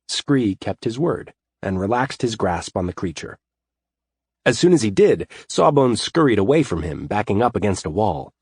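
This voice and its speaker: A man narrating a fantasy audiobook with expressive storytelling. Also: on the low side, normal speed, breathy edge, no echo, clean studio sound. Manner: expressive storytelling, voices the hero's lines too.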